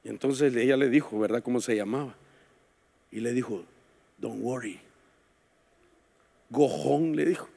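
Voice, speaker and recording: A man preaching a sermon as a pastor, telling stories with joking asides, shouting out some lines and dropping to a hush for others. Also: medium pitch, a little fast, creaky, slight background noise. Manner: storytelling preacher, swings from shouts to hushed asides; jokes with the congregation. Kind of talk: sermon at a women's retreat. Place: church hall. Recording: long echo of a large hall.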